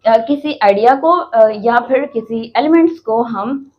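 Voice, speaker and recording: A woman with a Pakistani accent teaching English in a lecture, explaining slowly and often checking in with "theek hai". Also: a little high. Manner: reads example sentences slowly and deliberately. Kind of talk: classroom lecture. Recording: muffled lo-fi recording.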